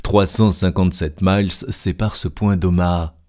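A man narrating an audiobook in a steady, deliberate storytelling manner. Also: low voice. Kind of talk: scripted narration.

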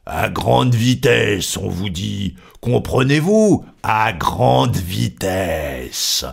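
A man's voice: sits low, very animated, extremely slow, gravelly, slightly rough, full character voice. A man voicing a hot-headed blustering American colonel in an audiobook reading, emphatic and hammering each word.

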